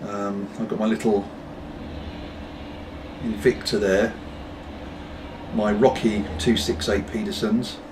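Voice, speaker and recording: A middle-aged British pipe-smoking video blogger speaks slowly in a fairly low, flat voice, pausing often. He chats casually to camera at home between puffs, with meandering, apologetic asides. A far-off mic picks him up over noticeable background noise.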